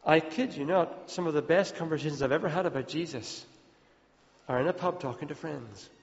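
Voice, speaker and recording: A man's voice: fairly high pitch, brisk. A man preaching an earnest sermon, repeating words as he presses his points, recorded in a church hall. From Ethiopia. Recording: dull, long hall reverb.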